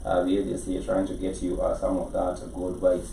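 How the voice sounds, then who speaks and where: Man, Kenyan accent, show host, rapid wordy delivery, repeated phrases, distant noisy studio recording. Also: sits low, completely flat delivery, creaky, mellow. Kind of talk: conversational entertainment interview. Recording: echoey room, distant mic, background noise.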